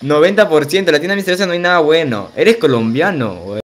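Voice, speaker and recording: A man's voice: a little high, expressive, fast talker. A young man, streaming a game and chatting casually with viewers, loose and slangy with frequent laughs. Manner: loose, slangy, reads chat aloud and laughs often. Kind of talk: casual livestream chat while gaming. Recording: faint music behind.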